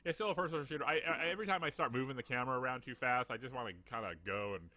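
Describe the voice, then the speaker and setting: A man hosting a casual video-call chat, animated and jokey, slipping into mock voices. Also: mid-range voice, very fast, no echo. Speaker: podcast host.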